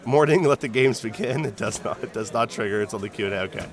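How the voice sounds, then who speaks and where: A man's voice: medium pitch, quick pace. A man hosting a live card game stream, chatty and jokey, greeting viewers and reading chat aloud between match commentary.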